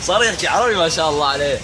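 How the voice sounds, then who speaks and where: A teenage boy with a Levantine Arabic accent, chatting casually and playfully as a vlog host and interviewer. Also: on the high side. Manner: playful, repeats and comments on answers. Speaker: vlogger and interviewer. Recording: noisy public place with urban sounds.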